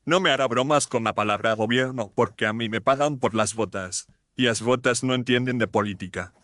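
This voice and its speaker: Man voicing a blunt impatient inspector, mid-pitch, dry close sound. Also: fairly quick, fairly bright tone, no echo, close to an everyday voice. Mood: grumbling. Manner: blunt, grumbling, practical. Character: gruff, impatient male police inspector.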